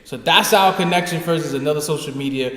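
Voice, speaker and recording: A man's voice: a little high, fast, a bit bright. Eager podcast host man, echoey room. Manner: enthusiastic, rambling questions. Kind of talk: casual interview.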